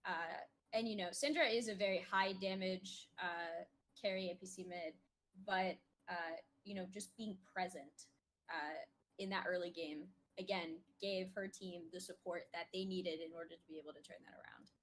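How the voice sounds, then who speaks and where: A woman with a fairly low, a bit bright voice gives chatty color commentary on a live esports match over a headset as a co-caster. She talks at normal speed with fairly even intonation, sounding hesitant and filling her lines with many fillers. Slight background noise is audible.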